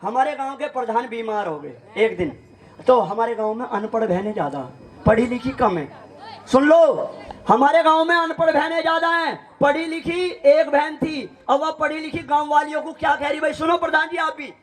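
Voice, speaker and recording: A man's voice: very high voice, normal speed, fairly bright tone. A man, joking and teasing a live audience from an outdoor village stage on a handheld mic. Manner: teasing, chatty, laughing between jokes. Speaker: folk stage performer.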